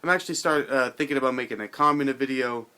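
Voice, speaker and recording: A man's voice: mid-range voice, pushed and bright, clear, resonant tone. Drunk, rambling man. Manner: loose, halting, repetitive, slangy with swearing. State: drunk, somewhat intoxicated and tired. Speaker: video channel host. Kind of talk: casual rambling vlog monologue.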